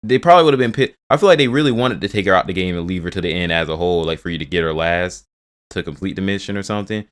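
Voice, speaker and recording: Deep fast-talking male reaction host. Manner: rambling, profane, restarts a lot. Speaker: video host reacting to game news. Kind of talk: casual reaction commentary.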